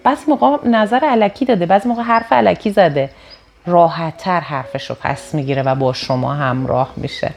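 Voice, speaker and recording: A woman giving an informal spoken lesson on handling customers, acting out the customers' replies in quick voices. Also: lowish voice, vocal fry, darkish tone. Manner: conversational, explanatory. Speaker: sales trainer.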